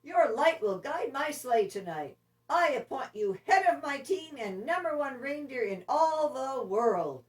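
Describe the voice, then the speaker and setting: A woman's voice: sits high, very animated, a little slow, voice pushed up. A woman voicing jolly old Santa Claus for a children's storybook, hearty and commanding with emphatic exclamations. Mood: jolly, grateful. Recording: distant microphone.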